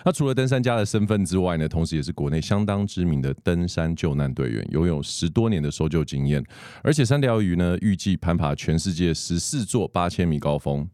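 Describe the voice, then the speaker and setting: A man with a Taiwanese Mandarin accent hosts a podcast conversationally. His voice is low, with very animated intonation, in a dry close recording. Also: a little fast, no echo. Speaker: podcast host. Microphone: close podcast microphone with headphones.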